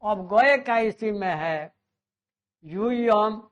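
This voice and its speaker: A man teaching a grammar lesson, slowly repeating and drawing out words. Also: high voice. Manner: slow, repeats words and stretches them out. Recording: dull lo-fi sound.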